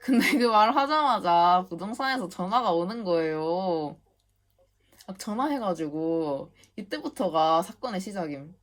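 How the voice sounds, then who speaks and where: Low-voiced young woman ranting indignantly. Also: expressive, a little slow. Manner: indignant, ranting, swears when retelling; chatty, heavy use of fillers. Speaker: vlogger. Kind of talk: casual storytelling voice-over.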